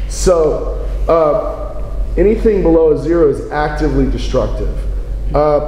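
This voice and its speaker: A man's voice: fairly high pitch, animated, a little slow, mellow. A man hosting a spiritual talk show, eagerly asking his guests questions and plugging his methods. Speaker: host. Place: indoor studio set with couch. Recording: roomy studio, long reverb, faint hiss.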